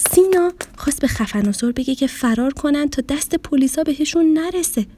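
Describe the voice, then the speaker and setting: A woman storyteller narrating a children's story in an animated, sing-song way, with music under her voice. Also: high voice. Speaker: storyteller host.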